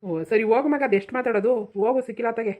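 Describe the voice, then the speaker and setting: A tired old cartoon village father-in-law, as a woman acts him, who keeps hushing everyone in a rural Mysore-region accent. He talks fast and begs for peace at home. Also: fairly high pitch, narrow, tinny audio, natural voice. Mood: soothing. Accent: rural Mysore-region Kannada. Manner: pleading, placating, keeps saying hush.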